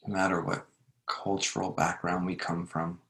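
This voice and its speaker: A man leading a guided meditation, speaking gently in short phrases with long unhurried pauses. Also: deep voice, little pitch movement.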